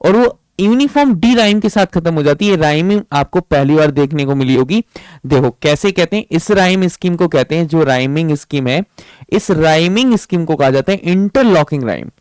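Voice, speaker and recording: A man teaching English grammar in an exam-prep lecture with an Indian accent, reading English lines slowly and then explaining them in Hindi, often asking a question and answering it himself. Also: a little high, animated, darkish tone, clear, resonant tone, no room sound, poor audio.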